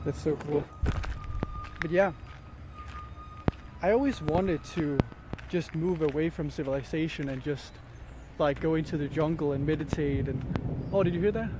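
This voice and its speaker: A man's voice: on the high side, steady tone, a little slow, pauses often. A man who is a bit under the weather, talking casually to camera as he walks outdoors, musing and often searching for words. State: a bit sick with an ear infection. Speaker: vlogger. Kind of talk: casual rambling talk to camera while walking outdoors. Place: outdoors in jungle, light rain. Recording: outdoor ambient noise. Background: faint outdoor ambience.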